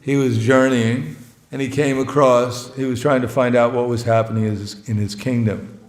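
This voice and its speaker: A guest monk in a temple hall talks through a joking, casual sermon at a normal speed, his medium-pitched voice fairly even in intonation. He's plainspoken, teases himself, and keeps chuckling between phrases, all in an echoey room.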